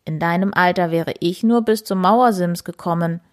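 Woman voicing a big calm papa tomcat. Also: on the low side, moderate pace, close to an everyday voice. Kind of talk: children's story reading.

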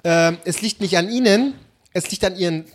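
A high-pitched man co-hosts a podcast, chatting casually at a moderate pace but hesitantly, with lots of filler words.

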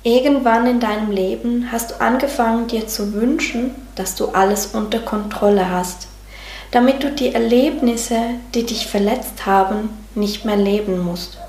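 A woman voicing the loving, reassuring inner voice of a soul, speaking in a gentle, patient, guiding manner. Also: fairly high pitch, moderate pace, a little hiss or hum, lightly acted. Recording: roomy sound with faint music.

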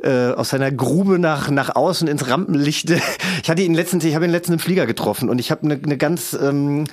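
Fast-talking man as podcast guest. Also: on the high side. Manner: rapid, chatty, many fillers. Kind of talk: casual interview chat.

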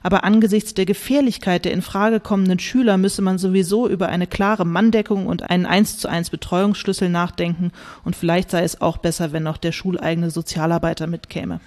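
A woman author reading a passage of her novel aloud in a measured, wry narrating voice. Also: lowish voice, fairly even intonation, a little mellow.

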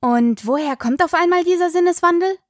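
A woman's voice: extremely high pitch, dry recording, clean studio sound, pitched above the performer's own voice. A woman reading an audiobook, voicing a sarcastic, teasing teenage daughter. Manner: sarcastic, quick-tongued.

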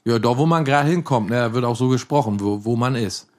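Man with a Hamburg accent, casual banter, rambling, folksy, plain middle pitch. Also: quick pace, darkish tone. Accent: Hamburg German. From Hamburg, Germany. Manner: rambling, folksy, tags sentences with "ne?".

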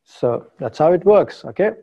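A man's voice: a little high, animated, measured pace, lo-fi sound. A man from India, a spiritual teacher giving a talk to followers in broken German with English phrases mixed in. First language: not German.

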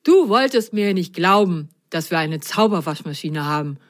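A woman's voice: lowish voice, lively intonation, lightly acted. A woman voicing a scolding, know-it-all sock in a children's story. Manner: scolding, brisk.

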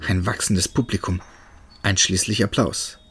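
A man narrating a first-person horror story in a steady, tense manner. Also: low-pitched, a little slow, loud music behind the voice.

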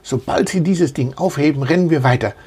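A man's voice: fairly high pitch, fairly quick, a little mellow, slightly rough. A man voicing a brave, boastful little boy mouse in a storybook, who talks in a reassuring, boasting way. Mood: eager.

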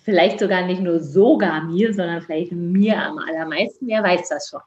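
A woman's voice: on the low side, moderate pace, a little mellow, echoey room, dull audio. A woman in her fifties, raised in Georgia, speaking earnestly and thoughtfully as an interview guest. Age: 50s. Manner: earnest, thoughtful, with many restarts. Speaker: midwife. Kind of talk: reflective conversation.

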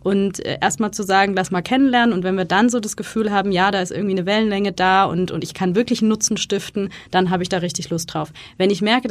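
A woman guest in a casual interview, chatting freely and acting out little quoted exchanges as she tells her stories. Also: mid-range voice. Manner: chatty storyteller, acts out quoted dialogue. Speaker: guest, freelance consultant and wedding speaker.

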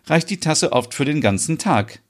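A man voicing a calm, explaining young woman. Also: a little high, moderate pace, voice pushed up, lightly acted. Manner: patient, explaining. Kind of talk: storybook reading.

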